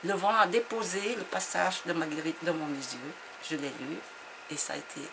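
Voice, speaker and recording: A woman's voice: low voice, steady tone, normal speed, vocal fry. A woman author from Vietnam, speaking in a reflective interview conversation. She hesitates and often repeats her words as she searches for them. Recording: noisy background.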